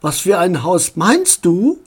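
Guy doing a cheeky old grandma, blunt, high voice. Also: big pitch swings, slow pace, husky, exaggerated voice. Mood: indignant. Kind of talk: storybook reading.

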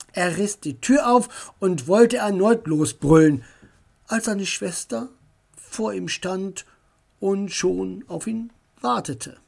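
A woman's voice: mid-range voice, vocal fry, darkish tone, husky. A woman reading a children's story aloud and doing voices for the characters. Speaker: narrator.

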